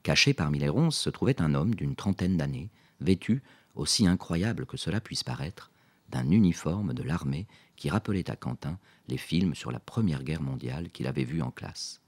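A man narrating a story in a scripted, lively reading. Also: extremely low pitch, moderate pace, breathy edge. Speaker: audiobook narrator.

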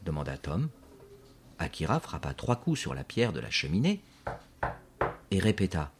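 A man narrating a storybook in a measured, scripted audiobook delivery. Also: low voice, big pitch swings, noisy background.

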